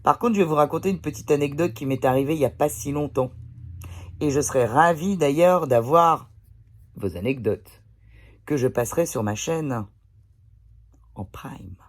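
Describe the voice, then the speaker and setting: A woman's voice: sits low, normal speed, long pauses. A woman chatting casually to her phone camera indoors, blunt and swearing freely as she tells everyday stories. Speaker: vlogger. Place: indoors, pillow behind her.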